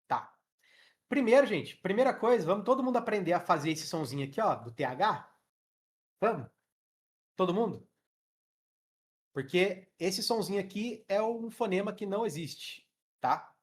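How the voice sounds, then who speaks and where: With a high-pitched voice and a Brazilian Portuguese accent, a young man runs a live online English lesson from his webcam. He models sounds aloud and frequently checks in on his students.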